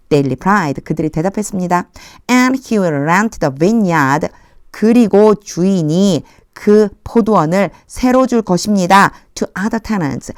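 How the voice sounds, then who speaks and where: A woman leads an English Bible lesson, reading each phrase slowly and then explaining it in a friendly, chatty way. Her voice sits a little low, and the recording is dry and close. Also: no room sound. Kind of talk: Bible verse translation lesson.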